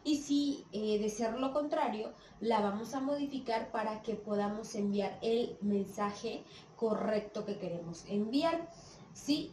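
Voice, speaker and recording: A woman teacher with a Mexican Spanish accent explains a lesson at an unhurried pace, often stopping to ask whether her students follow. Her slightly high voice is picked up from some distance. The room around her is echoey, with a faint murmur of background sound. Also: a little mellow, a little hiss or hum. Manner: checks understanding with frequent "¿sí?" and "¿sale?". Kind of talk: classroom lesson.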